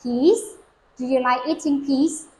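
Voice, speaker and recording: Her voice is high-pitched but darkish in tone, steady and measured, with a little hiss or hum and room echo. The woman is testing a young learner's spoken English, asking simple questions patiently and modeling full sentences for the child to repeat.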